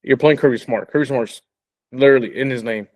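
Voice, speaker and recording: Over dull audio, a man with a mid-range voice talks a little fast about college football, co-hosting a relaxed sports podcast. He trips into restarts and repetitions, frequently cracking up.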